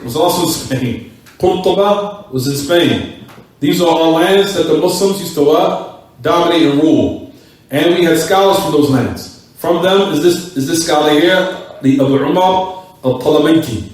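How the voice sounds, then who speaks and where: A man's voice: a little high, a little mellow, recorded from a distance. A man teaching a class in a mosque, repeating key words and putting questions to his students. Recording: echoey room, voice from off the mic.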